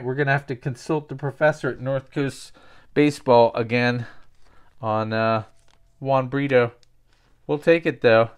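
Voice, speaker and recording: A man hosting a casual card-opening show, joking and rambling as he names each card. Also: mid-range voice. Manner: jokey, rambling, trades banter with viewers.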